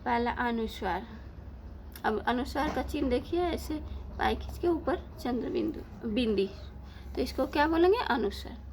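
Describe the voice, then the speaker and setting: A woman teaching a lesson, asking questions and answering them herself in a slow, deliberate way. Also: a little high, lively intonation, darkish tone, slight background noise. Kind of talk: Hindi grammar lesson.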